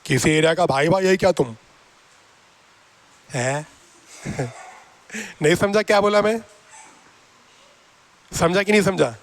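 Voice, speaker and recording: A man teaching a math class, teasing and coaxing his students as he goes. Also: high voice. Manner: coaxing and repetitive.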